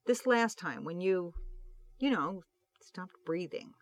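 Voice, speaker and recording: A reader voicing a worried, impulsive male police detective in an audiobook of fan fiction, talking loudly and pleadingly. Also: medium pitch, expressive, slow.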